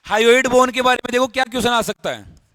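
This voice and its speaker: Fast and forceful, a man with a very high, bright voice lectures on biology in Hindi with a Rajasthani accent. He goes step by step, keeps repeating key terms, and puts questions to the class, and the audio has no echo.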